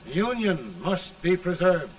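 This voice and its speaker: An actor playing a humble, plainspoken frontier lawyer turned statesman, speaking slowly and earnestly in an early talkie film. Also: high-pitched, big pitch swings. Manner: slow, earnest and folksy. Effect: early talkie film sound. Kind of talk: 1930s film acting. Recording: distant, hissy early film soundtrack.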